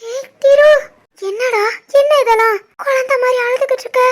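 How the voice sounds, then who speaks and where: A woman voicing a caring young wife who comforts her husband, in an animated family drama, with a Tirunelveli Tamil accent. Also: extremely high pitch, moderate pace. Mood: tender. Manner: soothing, coaxing.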